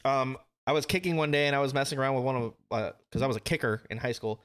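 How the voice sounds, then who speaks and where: A man's voice: mid-range voice, quick pace, a bit bright, clear, resonant tone. Laid-back young man hosting a podcast. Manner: laughs often, swears casually. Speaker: podcast host. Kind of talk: casual chat.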